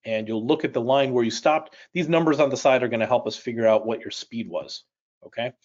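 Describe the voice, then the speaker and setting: This chatty reading instructor, raised in Chicago, United States, with Polish roots, leads a live online class by webinar. His medium-pitched, darkish voice is brisk, and the audio from his personal webcam-stream mic is dull. He's conversational, quizzes the audience, and cracks light jokes.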